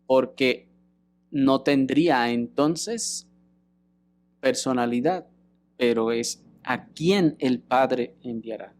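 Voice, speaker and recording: A man's voice: medium pitch, slow pace. A man preaching a sermon, teaching and putting rhetorical questions to the congregation. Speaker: pastor.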